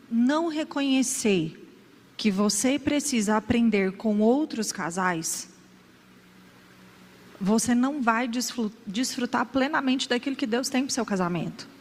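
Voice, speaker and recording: Woman in her thirties, higher voice, earnest measured motivational speaker, long hall reverb. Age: 30s. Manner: earnest and measured, faith-based advice. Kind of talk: motivational talk to a live audience. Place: large event hall.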